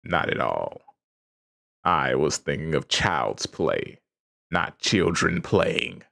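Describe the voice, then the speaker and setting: A man chatting casually on a livestream as its host, halting and self-deprecating, sounding tired. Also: rumbling low, animated, vocal fry, a bit bright. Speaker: live streamer.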